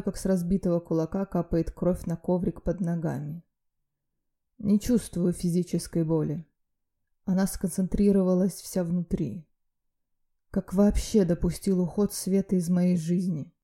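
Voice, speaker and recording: Brief: woman audiobook narrator, low, dark tone, gravelly, steady measured read. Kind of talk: first-person novel narration.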